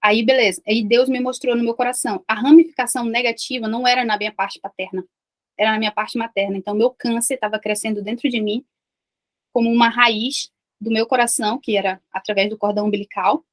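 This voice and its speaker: A woman's voice: fairly high pitch, steady tone, fast. A Brazilian woman in her thirties sharing an emotional personal faith testimony with a live online group, repeating herself and confiding. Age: 30s. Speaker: online community host.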